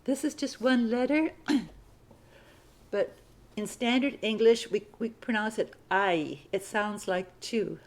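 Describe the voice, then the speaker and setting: A woman's voice: medium pitch, slow pace. A woman teaching a citizenship writing lesson, patiently dictating sentences and spelling words out letter by letter.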